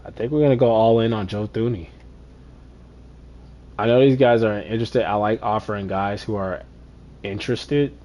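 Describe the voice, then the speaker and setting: A man's voice: on the low side, steady tone, normal speed, pauses often, dark tone, highs cut off. A man streaming a football video game, chatting casually to himself and sometimes ranting in exasperation. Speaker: gaming streamer. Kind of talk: casual gameplay commentary.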